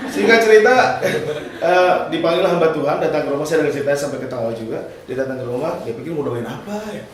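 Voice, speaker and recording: A man preaching a lively, humorous sermon and drawing responses from his congregation. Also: on the high side, fast talker, slight background noise. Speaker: pastor. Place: church hall. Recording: echoey hall, mic at a distance.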